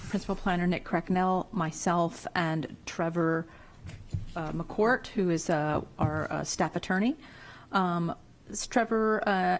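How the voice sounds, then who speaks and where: A woman from city planning staff presents to a public board in a low voice with a gravelly edge. She talks in a measured, careful way, filling her pauses with hesitations as she works through the details. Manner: measured, with many fillers.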